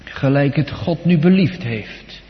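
Slow solemn preacher in a church. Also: male voice, lively intonation. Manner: solemn preaching cadence, swelling loud and high for quoted psalms, dropping low and soft. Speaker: pastor. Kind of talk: sermon. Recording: dull sound with long church reverb.

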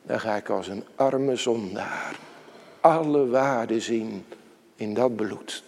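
A man preaching a solemn sermon as pastor, swelling loud, then dropping to a hushed near-whisper. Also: on the low side, slow pace, vocal fry. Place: church. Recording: long church reverb.

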